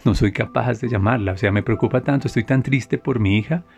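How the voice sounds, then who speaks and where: A man's voice: medium pitch, brisk, vocal fry, a little mellow, faint music behind, lightly acted. A man playing a tearful worried mother.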